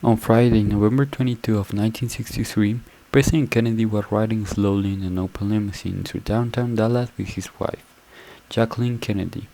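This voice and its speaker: A man reading a news report in a formal, measured way, heard as an old archival newsreel recording from a distance. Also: lowish voice, fairly even intonation, vocal fry, dark tone. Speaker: newsreel announcer.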